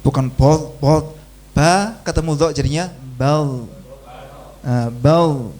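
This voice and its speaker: A man teaching Quran recitation in a mosque class, drilling syllables slowly and reciting aloud. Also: a little high, darkish tone. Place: mosque by a busy road. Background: faint traffic hum.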